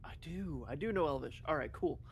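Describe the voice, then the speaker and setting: A man's voice: fairly high pitch, lively intonation, brisk, gravelly, a little mellow, a little hiss or hum. A man playing a tabletop game, talking casually and tentatively as he thinks aloud, with faint music behind him. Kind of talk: casual improvised game talk.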